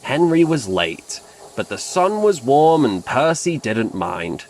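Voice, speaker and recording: A man narrating a children's train story in an expressive storytelling manner. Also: mid-range voice, takes it slowly, slight background noise. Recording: narration over loud music.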